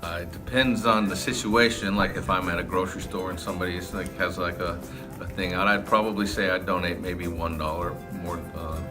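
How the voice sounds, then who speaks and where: A man's voice: sits low, fairly even intonation, fairly quick. A man in his forties who answers hesitantly in an interview, with many fillers. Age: 40s. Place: classroom. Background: background music.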